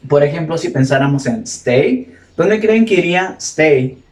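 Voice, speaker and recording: A man teaching a classroom grammar lesson, who quizzes his students and repeats example words slowly. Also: a little high, expressive. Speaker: English teacher. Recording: echoey room, mic far off.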